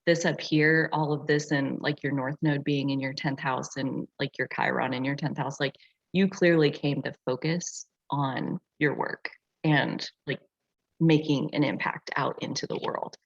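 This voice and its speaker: A woman who teaches astrology and facilitates sessions speaks casually and reflectively on an online group call, saying "like" often as she explains. Her voice is deep with vocal fry, fairly even in intonation and measured in pace. The video call audio sounds dull and lo-fi.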